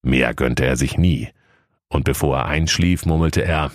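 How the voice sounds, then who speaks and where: A man's voice: a bass voice, measured pace, no echo, clean studio sound. A man narrating a comic Christmas story in a playful, mock-solemn storytelling manner.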